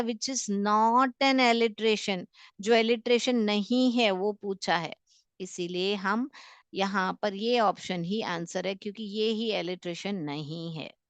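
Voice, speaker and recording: A woman's voice: mid-range voice, clear, resonant tone, no room sound. A woman teaching a class, patiently explaining quiz questions and repeating each sound several times. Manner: patient, repeats sounds, calls students "beta". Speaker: school English teacher.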